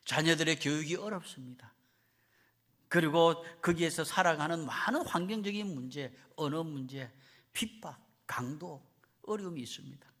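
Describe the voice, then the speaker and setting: A man, a missionary, preaching a sermon and telling stories with lively delivery. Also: fairly high pitch, normal speed. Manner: lively storytelling, acts out voices.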